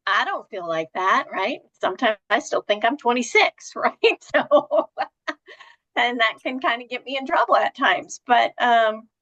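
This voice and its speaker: A woman's voice: on the high side, animated, a little slow, sharp tone, highs cut off. A woman in her fifties co-hosting a talk show, chatty and self-deprecating, full of "you know" and "right?". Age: 50s. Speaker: podcast co-host. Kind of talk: casual chat.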